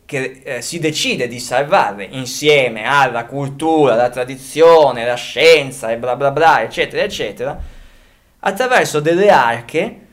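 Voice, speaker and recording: A man co-hosting a casual podcast, speaking. He rambles in long chains of thought, restarting and correcting himself as he goes, at a middling pitch. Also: unhurried. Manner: rambling, restarts and self-corrections while thinking aloud. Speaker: podcast co-host.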